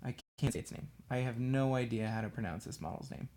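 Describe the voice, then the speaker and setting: A man's voice: medium pitch, fast talker, gravelly, a little mellow. A man casually chatting on a livestream while painting miniatures, rambling and self-deprecating as he works. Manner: talks absent-mindedly while working with a brush.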